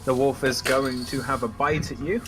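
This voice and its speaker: A man running a tabletop game as dungeon master, narrating in a slow, halting way with fillers. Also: medium pitch, steady tone, music in the background.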